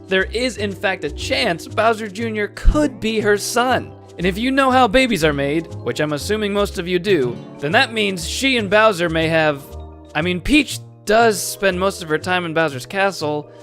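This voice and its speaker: A man's voice: high-pitched, a bit bright. A man hosting a scripted countdown video, narrating in a theatrical, tongue-in-cheek storytelling manner. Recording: music behind the voice. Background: background music.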